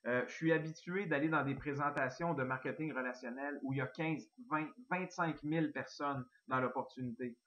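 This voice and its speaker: A man with a Québécois French accent giving an eager, excitable sales pitch on a recorded online call, full of fillers and restarts. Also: normal speed, hardly any pauses, muffled recording. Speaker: network marketing presenter.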